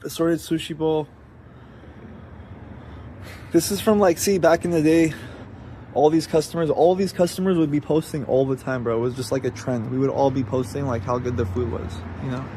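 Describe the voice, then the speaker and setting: A man with a fairly high voice chats casually to a live stream. His talk is loose and slangy, and there is clear street and vehicle noise around him. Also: steady tone, normal speed, mellow. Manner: slangy, addresses viewers as bro and G. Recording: noisy street and vehicle background.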